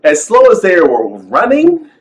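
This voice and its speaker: Slow-talking man ranting about a movie. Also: high voice, huge pitch swings, low-quality recording. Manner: rambling, filler-heavy, with exasperated rhetorical questions. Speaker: film reviewer. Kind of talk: casual rant.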